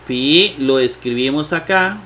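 A man teaches at an unhurried pace, in a slightly high and bright voice. He poses rhetorical questions and answers them himself, with frequent hesitant fillers. Faint noise hums behind him. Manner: thinks aloud with many fillers and rhetorical questions. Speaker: Bible exegesis teacher. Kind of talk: slow explanatory lecture on Greek grammar.

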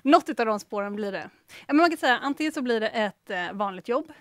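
A woman's voice: on the high side, animated, dry recording. A Swedish woman, an economics journalist, as a guest in casual studio chat, sounding light and a little unsure.

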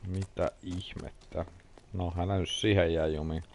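Low-voiced Finnish man commentating casually. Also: flat delivery, moderate pace, vocal fry, a little mellow, a little hiss or hum. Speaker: game streamer. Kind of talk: casual live game commentary.

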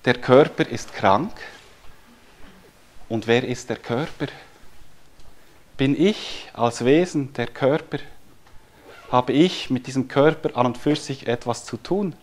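A man gives a spiritual talk to a live audience in a room. He speaks very slowly and unhurriedly. His tone stays reflective, with one rhetorical question after another. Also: mid-range voice, slight background noise. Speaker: spiritual healer giving a lecture.

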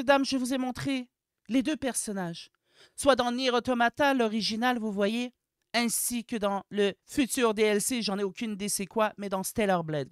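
A gaming commentator with a Québécois accent, ranting in a comedic video, exaggerated and slangy, swinging between mock sweetness and outrage while addressing viewers as ladies and gentlemen. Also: mid-range voice, clear, resonant tone, dry recording, studio quality. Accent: Québécois French.

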